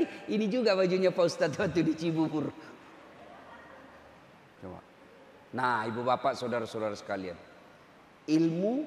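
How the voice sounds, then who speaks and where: A man preaching a humorous sermon to a crowd, joking and swinging between loud and soft. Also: high voice, slight background noise. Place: large hall with an audience. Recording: echoey hall, faint ambience.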